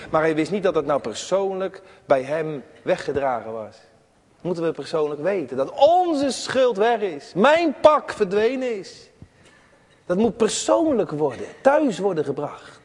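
A man preaching a sermon to his congregation, emphatic, rising to high cries and dropping to hushed tones. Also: big pitch swings, moderate pace, big-room sound. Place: church.

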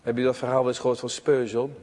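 A man preaching a sermon to his congregation, emphatic, rising to high cries and dropping to hushed tones. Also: level tone, fast talker, big-room sound, slight background noise. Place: church.

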